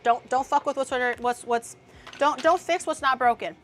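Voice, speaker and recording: Her voice is high-pitched and moves at normal speed, with soft music playing in the background. She's a woman VTuber and streamer cooking in her home kitchen and chatting casually on a livestream, blunt and profane, murmuring as she tastes the food.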